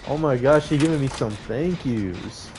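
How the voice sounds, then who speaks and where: A man's voice: mid-range voice, unhurried, background noise. A young man streaming a game, joking with his chat and laughing between calls to his teammates. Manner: joking, talks to chat while playing, laughs often. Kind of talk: casual gaming stream chat.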